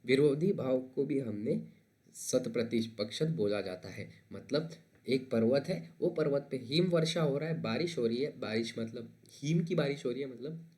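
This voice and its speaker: A man teaching an exam-prep lesson. His voice sits at a middle pitch. He keeps posing rhetorical questions and answering them as he explains. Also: moderate pace, warm tone.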